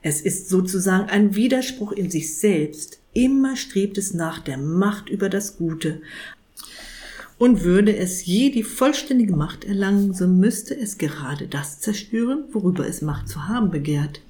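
A woman's voice: medium pitch, expressive, mellow, close to an everyday voice. Woman doing a dreamy old saint. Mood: solemn. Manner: slow, solemn, pondering, kindly. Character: dreamy, gentle old male saint, unworldly.

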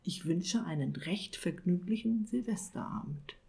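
A woman's voice: lowish voice, lively intonation, measured pace, creaky, mellow. Woman voicing a cold official male envoy, clipped, half-whispered, storybook villain. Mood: icy polite. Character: coldly polite male devil's emissary, official. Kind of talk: audiobook character voice.

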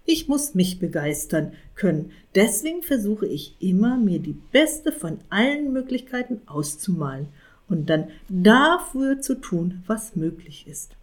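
A woman's voice: mid-range voice, sing-song, unhurried. Woman doing an eager young tomcat minstrel. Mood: earnest. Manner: eager and hopeful. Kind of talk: storybook reading.

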